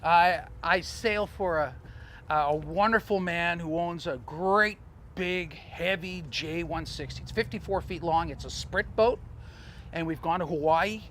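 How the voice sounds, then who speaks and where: A man coaching sailors on sail trim, talking in an animated, storytelling way with chuckling asides. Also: on the high side, unhurried, a little hiss or hum. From Canada. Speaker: sailing coach. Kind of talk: outdoor teaching talk.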